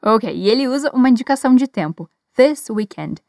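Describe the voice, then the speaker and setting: A woman with a Brazilian Portuguese accent teaching an English lesson. She pronounces model phrases slowly and carefully, has learners repeat them after her, and encourages them. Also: a little high, animated, gravelly, a little mellow, no echo, studio quality.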